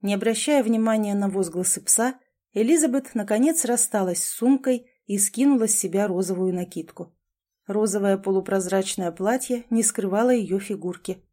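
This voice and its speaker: A woman's voice: medium pitch, moderate pace, warm tone. A woman narrating a fantasy storybook aloud. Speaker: audiobook narrator.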